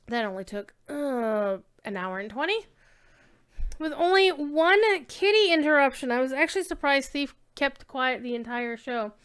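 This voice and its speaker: A woman with a high, very clear, smooth voice hosts a casual livestream and reads for her audience. She rambles chattily and informally to her viewers, drifting between thoughts with effusively warm wording.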